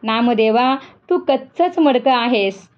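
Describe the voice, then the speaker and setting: A woman voicing a gentle male deity who speaks kindly and teases. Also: fairly high pitch, expressive, slow, muffled recording. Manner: kindly, teasing.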